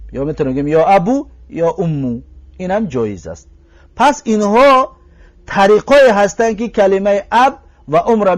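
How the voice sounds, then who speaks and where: A man with a Tajik Persian accent gives a recorded grammar lesson in a high voice. He draws out every example word slowly and keeps asking his listeners whether they followed. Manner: draws out example words slowly, asks listeners rhetorical questions. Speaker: language teacher.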